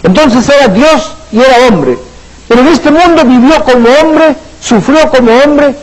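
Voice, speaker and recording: A man's voice: extremely high pitch, expressive, unhurried, poor audio. A man preaching a sermon, asking questions and answering them himself, and acting out short dialogues. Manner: acts out short dialogues with a dropped voice.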